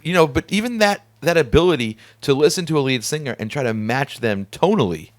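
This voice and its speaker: A man hosting a casual studio conversation, talkative and animated, laughing often. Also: a little high, brisk. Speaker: podcast host. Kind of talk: casual chat.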